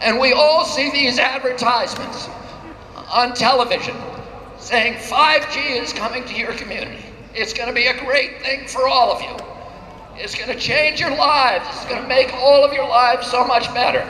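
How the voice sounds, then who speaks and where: A man with a very high, bright voice delivers a declamatory protest speech in short bursts, pausing between phrases. His voice booms through an outdoor loudspeaker system with a long, echoing reverb and faint street noise behind it. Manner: declamatory, pausing after each phrase for translation. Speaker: speaker at a protest rally.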